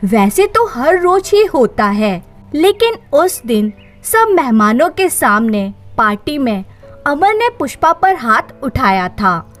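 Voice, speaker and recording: A woman tells a dramatized moral story in a high voice with lively, swinging intonation. She goes very slowly, like a storyteller, with faint music behind her.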